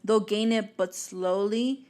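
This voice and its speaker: A woman co-hosting a podcast in relaxed chat. She backs her friend up with short agreeing replies, then explains her view plainly in a mid-range voice. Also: medium pitch, slow pace. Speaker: podcast co-host. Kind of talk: casual chat.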